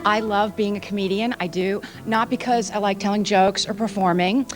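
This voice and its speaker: A woman's voice: mid-range voice, fairly even intonation, music in the background. A woman doing a conversational, wry stand-up routine about married life. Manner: conversational, wry, rapid-fire. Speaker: stand-up comedian.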